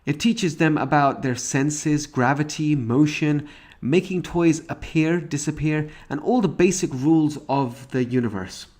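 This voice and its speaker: A man's voice: fairly high pitch, unhurried, a little mellow. A man teaching a recorded parenting course, explaining each point step by step with frequent restarts. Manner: walks through examples and stages step by step.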